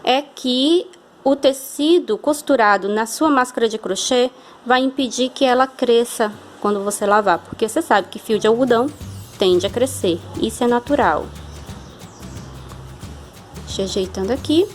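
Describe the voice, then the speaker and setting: Faint music plays behind a Brazilian woman whose voice is a little high as she teaches hand sewing at a moderate pace. She speaks with a Brazilian Portuguese accent, patiently walks through each step, and keeps checking in with the viewer.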